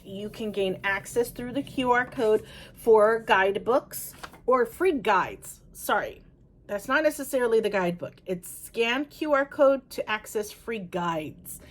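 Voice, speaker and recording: A woman's voice: a little high, a little hiss or hum. A woman reviewing a tarot deck in a casual, chatty way, talking straight to her viewers and correcting herself as she goes. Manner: chatty, self-correcting, talks to viewers directly. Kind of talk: casual review and flip-through.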